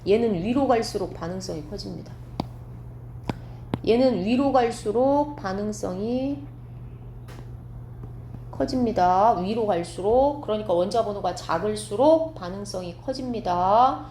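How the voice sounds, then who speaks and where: A woman science teacher giving a classroom lecture, explaining step by step and often asking students quick check questions. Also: medium pitch, animated, mellow, reverberant, a little hiss or hum.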